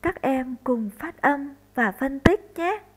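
A woman primary school teacher from northern Vietnam giving a slow recorded lesson for first graders, spelling out sounds deliberately. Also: high voice, lively intonation, low-quality recording.

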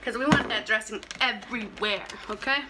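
A young adult woman talks casually and animatedly while eating for her mukbang vlog, sometimes between bites, in a small, plain indoor room. Her voice is fairly high at a normal speed, and clicks and clear background noise come through in the recording.

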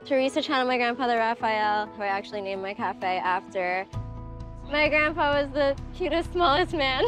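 High-voiced woman reminiscing fondly. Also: expressive, moderate pace, fairly bright tone, faint music behind. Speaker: cafe owner, guest. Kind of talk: reality TV interview. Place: her cafe, indoors.

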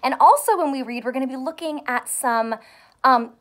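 In a small room at home, furnished with a sofa and soft toys, a woman in her thirties who teaches primary school reads a story to little children. Her high voice moves at a moderate pace, clearly enunciated and expressive, as she pauses to quiz them.

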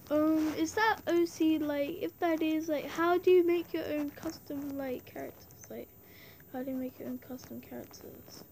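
Over faint background noise, a girl with a high, slightly mellow voice offers rambling, casual commentary on her game as a let's play host. She leans heavily on fillers such as "um" and "like."

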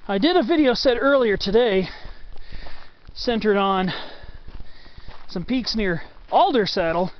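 Man hiking and narrating, high voice, dull lo-fi sound, faint hiss, outdoors on a trail. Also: lively intonation, a little slow. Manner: chatty, lists elevations and plant names. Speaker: hiker narrating his own trail video. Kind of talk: casual walking narration. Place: outdoors on a forested mountain trail. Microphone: camera carried while walking.

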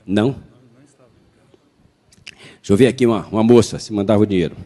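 A Brazilian pastor and physician telling a story in a sermon, animated and acting out the dialogue. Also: male voice, on the low side, fairly quick. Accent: Brazilian Portuguese. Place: church hall. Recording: reverberant church hall.

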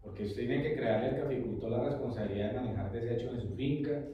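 A middle-aged man who owns a coffee company, answering interview questions in a measured, explanatory way in an office meeting room. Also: mid-range voice, dull audio. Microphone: far camera. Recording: echoey room from far off.

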